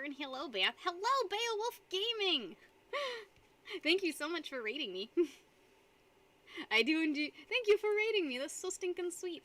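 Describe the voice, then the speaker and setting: This young woman's high voice carries a bright, forceful tone as she streams live. She rambles casually with her audience, reads the chat out loud, and giggles frequently.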